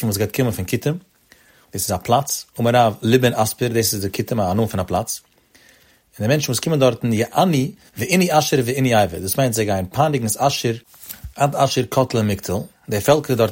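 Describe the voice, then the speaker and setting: A Torah teacher lectures at a brisk pace in a husky, slightly breathy, mid-range voice with a darkish tone, and his pronunciation stands out. He draws out the verses he quotes, then rushes through explaining them.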